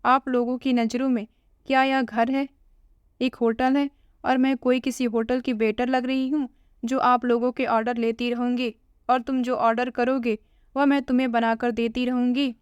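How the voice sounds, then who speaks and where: A woman's voice: a little high, level tone, normal speed, clean tone, no echo, muffled recording, natural voice. A woman voicing a scornful young daughter-in-law. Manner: scornful, cutting retorts. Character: sharp-tongued young daughter-in-law, contemptuous.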